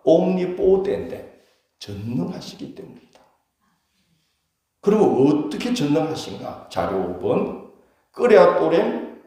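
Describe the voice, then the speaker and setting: Gyeongsang-accented pastor in an echoey church. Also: male voice, medium pitch, dark tone. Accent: Gyeongsang Korean. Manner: conversational preaching with questions to the congregation. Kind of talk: Sunday sermon. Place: church sanctuary.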